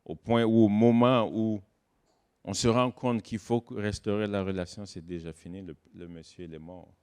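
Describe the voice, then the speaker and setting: Man preaching with sharp loud-soft swings. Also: fairly even intonation, normal speed, clear, resonant tone. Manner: dynamic preaching, swings from loud emphasis to soft low asides. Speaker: guest pastor. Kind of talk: sermon. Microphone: online church service recording.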